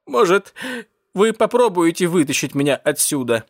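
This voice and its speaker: A man's voice: on the high side, very animated, normal speed, no echo, studio quality, pitched above the performer's own voice. A man voicing a grumpy, rude male cat stuck in a sewer, grumbling and snapping at the people above.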